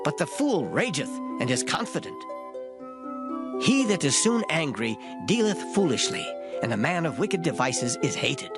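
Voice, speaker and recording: With loud music behind them, a reader dramatizes a King James Bible passage in formal old English, sounding solemn and emphatic. The medium-pitched delivery is very animated and lightly acted, at a moderate pace.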